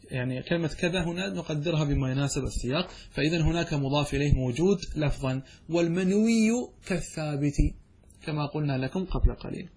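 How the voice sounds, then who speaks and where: A man teaching a classical Arabic grammar lesson, who explains by asking and answering his own questions and recites verses slowly. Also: on the high side, darkish tone, breathy edge.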